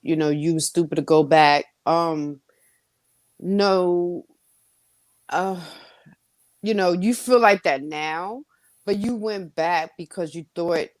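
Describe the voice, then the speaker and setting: Woman podcast host, lowish voice, supportive, probing, dry sound. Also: slow pace, long pauses, dry recording. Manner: supportive, asks probing follow-up questions. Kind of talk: interviewing, sharing own experience.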